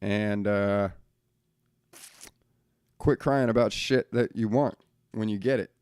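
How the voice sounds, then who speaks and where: A man's voice: fairly low pitch, a little mellow, clear, resonant tone, no echo, studio quality. A young man hosting a casual solo podcast from his bedroom, talking bluntly and swearing often as he rants. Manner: blunt, profane and ranting. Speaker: podcast host.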